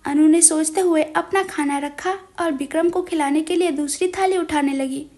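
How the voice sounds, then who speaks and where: High-voiced woman storyteller. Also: moderate pace, mellow. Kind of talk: scripted story narration.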